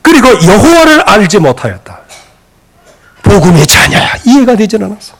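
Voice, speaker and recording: A man preaching a sermon as pastor in a church, animated and acting out quoted scolding voices. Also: sits high, normal speed, gravelly. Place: church sanctuary.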